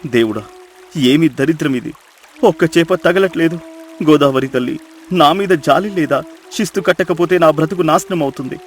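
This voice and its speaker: A man's voice: medium pitch, brisk, lightly acted. Man doing a poor village fisherman, anxious, pleading, cartoon dub, faint music. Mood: despairing. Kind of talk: cartoon dubbing.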